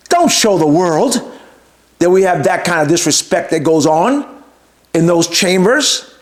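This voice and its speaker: Man, show host, opinion monologue, very animated pitch, rhetorical questions. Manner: emphatic, repeats himself for stress; talks straight to the audience with rhetorical questions. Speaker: podcast host.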